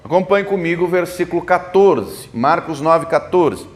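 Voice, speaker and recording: A man's voice: on the high side, animated, moderate pace. A man preaching a sermon as a pastor, explaining the Bible with rhetorical questions at a church service. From Brazil.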